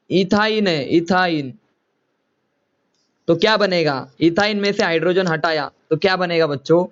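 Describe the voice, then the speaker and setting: A man's voice: a little high, highs cut off. A man teaching a chemistry lecture to students, often repeating himself and coaxing them to answer. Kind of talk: classroom lecture.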